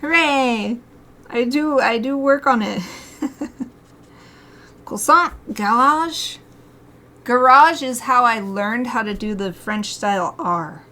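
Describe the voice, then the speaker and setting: Drawing live for her stream, this American woman talks to herself, giggles, and reads viewers' messages aloud. She speaks slowly with frequent pauses, in a fairly high, animated voice that's bright and forceful.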